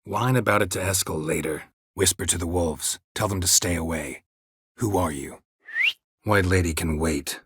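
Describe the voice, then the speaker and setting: In a video game role, a male actor plays a stoic monster hunter worn down by the world, speaking in a low, gravelly, husky voice. The lines come out terse, dry and deadpan, heavily acted, with no echo.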